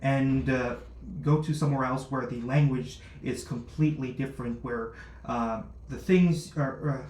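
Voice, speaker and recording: Halting man in an echoey room. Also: medium pitch. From born in Luxembourg, raised abroad. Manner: halting, many fillers and restarts. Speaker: startup founder, guest. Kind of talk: interview answers. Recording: roomy echo, faint noise.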